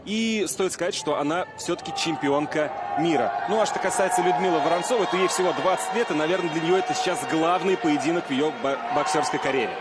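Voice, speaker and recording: A man commentates live on boxing in a fairly high voice. A roaring crowd and heavy arena noise sit behind him throughout the broadcast. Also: fast talker. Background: noisy arena crowd.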